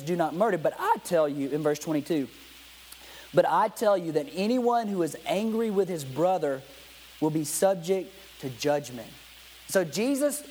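A pastor preaching to a congregation in a slightly high voice. He reads scripture aloud and talks plainly with his listeners, stopping to ask them questions. A faint hiss sits under the recording. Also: darkish tone, rough recording. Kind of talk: sermon.

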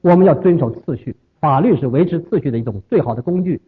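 Male lecturer retelling a story with emphatic repetition and animated pitch over a tinny line. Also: fast. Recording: husky lo-fi phone-like audio.

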